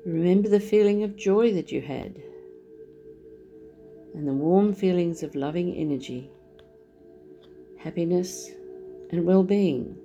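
A woman leading a guided meditation, speaking softly and soothingly as she talks the listener through relaxing the body. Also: lowish voice, muffled recording. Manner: slow, soft and soothing. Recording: soft music underneath.

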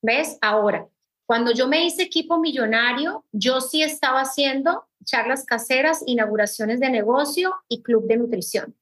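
A woman's voice: sits high, moderate pace, a bit bright, rough recording. A middle-aged woman giving a mentoring talk, emphatic and repetitive, speaking straight to her listeners. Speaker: mentor in a network-marketing business. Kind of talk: mentoring talk, personal advice.

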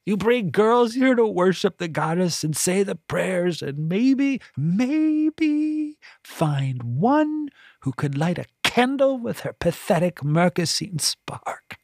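A narrator voicing a pompous, bitter middle-aged woman high priestess who talks in a haughty, drawn-out sneer. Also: very animated, a little mellow, dry recording, studio quality, heavily acted. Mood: scornful.

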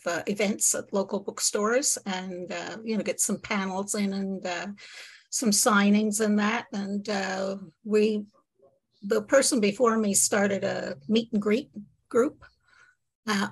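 A woman's voice: medium pitch, breathy edge, rough recording. A woman author chatting casually as an interview guest, laughing often and using many fillers. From Quebec, Canada.

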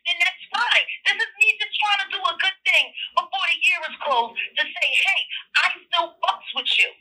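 A woman's voice comes through a phone line, pitched high with a sharp, bright edge. She talks bluntly and swears freely, circling back to the same points as she presses them home. It sounds like a heated recorded phone conversation. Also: moderate pace. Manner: blunt, profane, repeats herself for emphasis. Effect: heard over a phone line. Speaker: caller. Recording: phone call audio.

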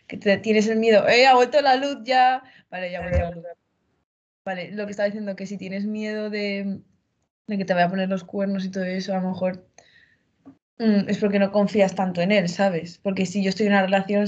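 Young woman, relaxed slangy chat, mid pitch, muffled video call. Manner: relaxed, slangy, uses "en plan" and "¿sabes?". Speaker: podcast co-host. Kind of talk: casual podcast chat over video call.

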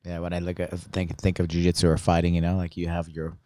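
A man hosting a casual interview, rambling and halting with many fillers. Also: low-pitched, monotone, mellow, no room sound, studio quality. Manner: rambling, halting, full of "you know" and "like". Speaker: podcast host.

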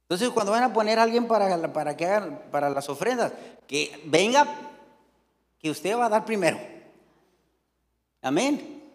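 A man with a Mexican accent preaching a fervent sermon as pastor, calling out to his brothers and sisters with lively asides. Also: high voice, normal speed, long pauses. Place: church hall. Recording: long hall reverb.

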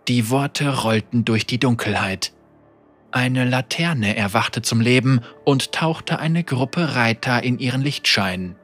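A man reading a dark fantasy story aloud as a measured audiobook narration. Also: mid-range voice, soft background music.

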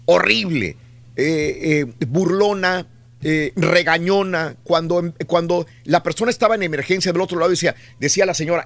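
A man with a Mexican Spanish accent runs a radio show and tells the news in a lively, indignant way, with many ums and restarts. His voice sits a bit high for a man. The sound is dry and close, with no room around it. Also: dry recording. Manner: indignant, animated storytelling with many fillers. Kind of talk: news commentary on a morning show.

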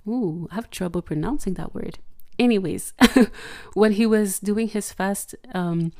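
A woman's voice: medium pitch, normal speed, mellow, no room sound, studio quality. Earnest woman hosting a faith podcast. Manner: earnest, encouraging, repeats key phrases. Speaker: podcast host.

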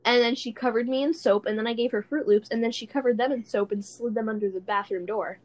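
A woman's voice: on the high side, fast talker. A woman co-hosting a casual chat podcast, telling rambling stories with lots of giggles. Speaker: podcast co-host.

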